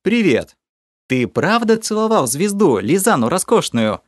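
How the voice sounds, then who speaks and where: A man voicing a cheeky, playful young girl with a bright, teasing way of talking. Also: on the high side, big pitch swings, takes it slowly, no room sound, clean studio sound, pitched above the performer's own voice.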